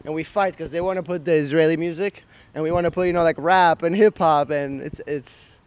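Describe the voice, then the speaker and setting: A man's voice: a little high, steady tone, a little fast, clean tone. A man from Argentina, a soccer player, teasing and laughing in a casual outdoor interview. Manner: playful, teasing, laughs a lot. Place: outdoors by a river.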